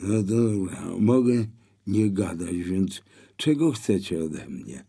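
A man voicing a calm blind young man who answers intruders placidly with a little irony. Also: low-pitched, takes it slowly, creaky, slightly rough, exaggerated voice. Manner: placid, mildly ironic.

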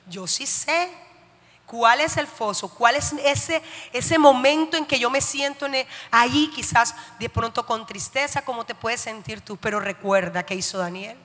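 A woman preacher delivers an emphatic sermon, often asking her listeners questions. Her voice is high and bright. A long hall reverb follows her in the church.

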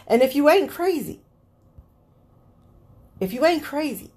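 A woman's voice: mid-range voice, warm tone, breathy edge. A woman hosting her own podcast, ranting bluntly about politics with plenty of swearing and an exasperated manner. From Cleveland area. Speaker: podcast host. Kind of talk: solo political rant podcast.

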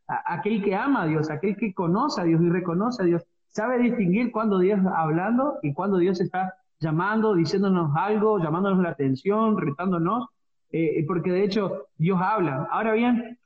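A man with a Rioplatense Spanish accent co-hosting a devotional radio talk, preachy and repeating phrases for emphasis. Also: high-pitched. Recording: dull radio audio with roomy echo.

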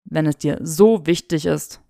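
A woman's voice: low-pitched, a little slow, vocal fry, dark tone, pitched below the performer's own voice. A woman voicing a cool, sardonic young wizard who speaks in dry, clipped, condescending lines.

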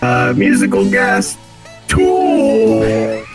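A man doing a slow robot announcer. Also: huge pitch swings, over loud music, heavily acted. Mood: announcing. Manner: slow, deliberate announcing with big pitch jumps, says "computing". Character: stiff male robot announcer reading a lineup. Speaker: podcast co-host. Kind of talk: casual comedy podcast chat.

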